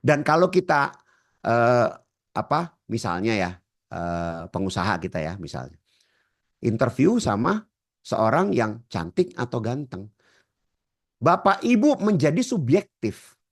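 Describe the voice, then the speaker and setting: Speaking at a measured pace with frequent pauses, this man has a mid-range voice that swings widely in pitch. As a hypnotherapy trainer teaching a class, he keeps addressing the room as ladies and gentlemen and answers his own rhetorical questions.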